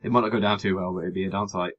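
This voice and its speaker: A man's voice: deep voice, fairly even intonation, racing, lo-fi sound, heavy background noise. A man co-hosting a podcast, chatting casually and wryly about politics, rambling with hesitant fillers. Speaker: podcast co-host.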